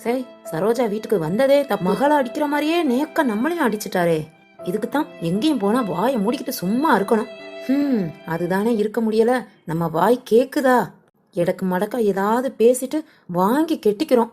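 A gossipy village wife in a cartoon, as a woman voices her. She grumbles and mutters to herself in a high voice, sly and put-upon. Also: expressive, normal speed, a little mellow, soft background music, close to an everyday voice. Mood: grumbling. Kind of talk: cartoon voice acting.

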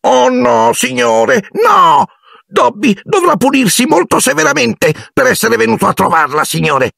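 A man reading an audiobook and voicing a tearful, servile male house elf with a piercing, squeaky voice that wails and grovels. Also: big pitch swings, measured pace, gravelly, sharp tone, husky, no room sound, studio quality, exaggerated voice. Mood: anxious. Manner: groveling, overwrought, wailing. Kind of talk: audiobook character voice.

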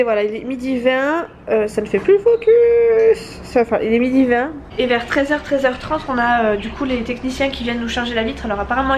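A family vlogger in her thirties, stuffed up with a cold, chats to a handheld camera held at arm's length in her apartment. She rambles casually with lots of restarts and fillers, in a fairly high voice over slight background noise.

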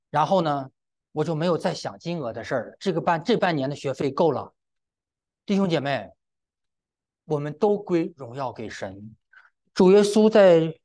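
A middle-aged male preacher delivers a sermon full of testimony in a slightly high voice that rises and falls with lively, expressive intonation. He is exclamatory, frequently breaking in with "wa" and turning to speak directly to the congregation.

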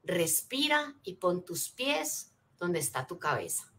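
A woman's voice: on the low side, slow. A woman giving a motivational seminar talk, teaching her points like a lesson and checking in with listeners with rhetorical questions. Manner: energetic teacher, frequent rhetorical check-ins; spells out acronyms, asks listeners to take notes. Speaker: motivational speaker.

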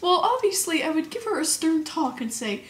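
A woman playing a blunt, deadpan female detective being interviewed in an amateur role-play. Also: very high voice. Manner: blunt, deadpan, quick comebacks. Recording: roomy home recording with noise.

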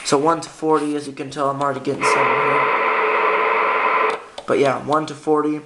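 Speaking at a moderate pace in a slightly high voice with little pitch movement, a man demonstrates a radio. The walkthrough is unscripted, informal and hesitant, and he often corrects himself. It's shot indoors by a window on a handheld camera whose built-in mic yields noisy amateur sound with clicks.

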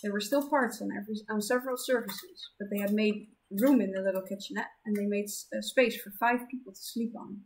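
A woman's voice: mid-range voice, steady tone, brisk, few pauses. A woman reading her own fantasy novel aloud on a live stream, correcting small slips as she goes.

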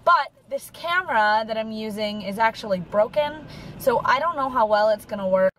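Driving at night, a twenties-aged vlogger chats to the camera on her dashboard mount, rambling and filling gaps with fillers. Her voice is on the high side, expressive and fairly bright, at a normal speed. The audio is poor, with road and car noise on the camera mic.

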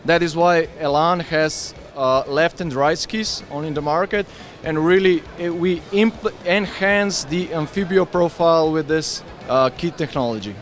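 Eager man pitching skis at a trade fair. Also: a little slow, few pauses. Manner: enthusiastic, explains with hand gestures. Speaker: ski brand representative. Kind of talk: trade fair product interview. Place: busy indoor trade fair hall. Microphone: handheld interviewer mic with windscreen.

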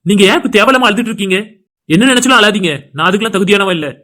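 Brief: man playing a jilted young cartoon brother, high and rapid, bitter and self-mocking. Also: background noise, natural voice. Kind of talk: cartoon voice acting.

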